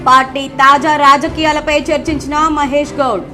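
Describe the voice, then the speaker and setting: A woman with a high, clear voice reads the evening news headlines in a measured, formal way. Faint background music plays beneath her. She sounds like a local television anchor. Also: level tone. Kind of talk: reading headlines.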